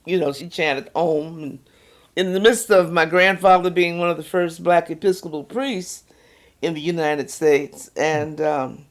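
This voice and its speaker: An older woman being interviewed, calmly recounting a personal story and acting out the quoted voices of others. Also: fairly low pitch, measured pace. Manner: animated retelling, voices quoted speech, soft at tense moments. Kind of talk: conversational storytelling.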